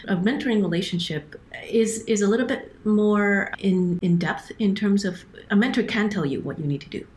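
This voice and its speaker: The guest on this remote podcast interview is a middle-aged operations director from Hong Kong who explains things earnestly, frequently starting her sentences over. Her voice is medium-pitched and somewhat dark, at a normal pace, with slight background noise.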